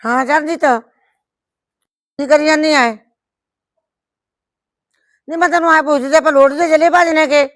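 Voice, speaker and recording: A woman's voice: a little high, moderate pace, long pauses, no room sound, lightly acted. A woman playing a blunt, protective village mother. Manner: scolding yet comforting, blunt. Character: firm caring village mother defending her daughter. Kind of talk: rural family drama acting.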